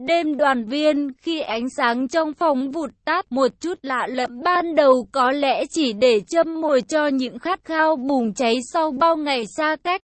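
A woman narrating an adult audio story in first person, with soft, unhurried reading. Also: sits high, no room sound.

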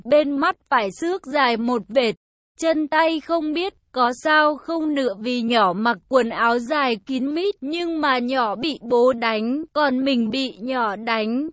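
A woman narrating a first-person story in a lively storytelling manner, as a schoolboy telling of his home life. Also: sits high, dry recording. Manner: slow, lively storytelling with acted quotes.

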